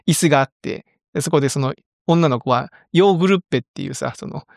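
A middle-aged man co-hosting a casual podcast, talking in an animated way with lively quoted bits. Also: fairly high pitch, fast, vocal fry, dry recording, clean studio sound. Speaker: podcast co-host.

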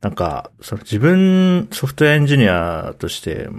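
A young man on a podcast, telling relaxed stories full of fillers. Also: mid-range voice, normal speed. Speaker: podcast host. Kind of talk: casual chat.

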